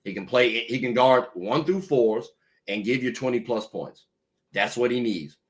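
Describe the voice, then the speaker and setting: A man's voice: medium pitch, measured pace. A man hosting a podcast, giving casual, opinionated sports talk straight to his listeners. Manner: conversational, opinionated, addresses listeners as ladies and gentlemen. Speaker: podcast host. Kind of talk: solo sports talk commentary.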